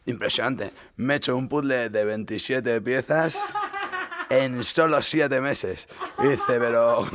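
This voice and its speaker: Relaxed man telling a joke, clicks behind. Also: medium pitch, a little hiss or hum. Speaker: joke teller. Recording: clear clicking noises behind.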